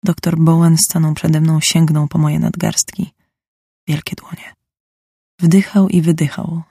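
A woman narrates a literary story in the first person with an unhurried, hushed reading. Her voice is dark and husky with a gravelly edge. The close studio sound is dry. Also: low-pitched, little pitch movement, dry recording. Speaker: audiobook narrator.

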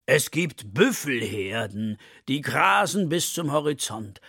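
A man voicing a gentle, wistful male elephant who speaks slowly and with longing. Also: mid-range voice, lively intonation, vocal fry, breathy edge, dry recording, studio quality, heavily acted. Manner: slow, longing, soft-spoken.

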